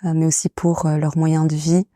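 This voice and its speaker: A young woman from England who grew up in France, speaking in a low, dark, rather flat voice. She talks hesitantly, with many fillers and pauses, as a guest in a casual interview. The sound is dry and close. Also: no room sound. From England, raised in France. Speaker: guest, association director.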